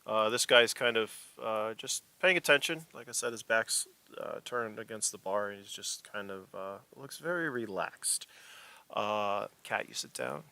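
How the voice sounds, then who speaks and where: Bright-voiced male game master. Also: fairly low pitch, unhurried. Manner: rambling, many fillers and restarts. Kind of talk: narrating a tabletop game.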